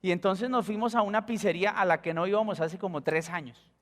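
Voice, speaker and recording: A Colombian man preaching a sermon as pastor, telling a story and acting out the dialogue, with sudden high exclamations. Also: fast talker. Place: church sanctuary. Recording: long church hall reverb.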